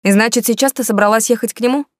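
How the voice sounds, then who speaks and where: A woman voicing a hot-tempered young man who argues loudly in blunt slangy speech, jilted by his lover. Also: a little high, steady tone, very fast, no echo, clean studio sound, pitched above the performer's own voice, lightly acted. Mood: bitter, shouting.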